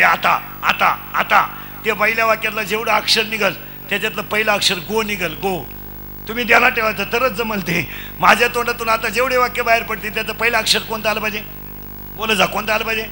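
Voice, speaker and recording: A man's voice: sits high, sharp tone, a little hiss or hum. A middle-aged man preaching a comic devotional sermon, chanting rhythmic lists and quizzing his audience. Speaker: kirtan preacher.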